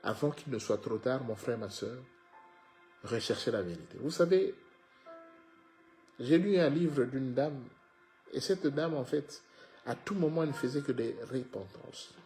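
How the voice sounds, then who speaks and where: A man preaching a sermon, swinging from loud exhortation to low hushed phrases, often repeating words and addressing listeners as beloved. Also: expressive, measured pace, long pauses. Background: faint music.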